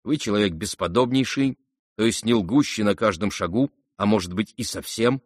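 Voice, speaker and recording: A polished, confiding gentleman , voiced by a male reader, talks low and hushed. The reader's deep voice sinks even lower and quieter. The dry, close sound makes it feel private. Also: moderate pace, dry recording, natural voice. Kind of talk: audiobook character reading.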